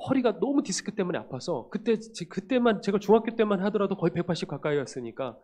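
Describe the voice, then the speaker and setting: A middle-aged man preaches from the pulpit in a fairly high voice. He tells a personal story animatedly, rising to loud passages and dropping to hushed ones. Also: big pitch swings, quick pace. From Gyeongsang region, South Korea. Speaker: pastor.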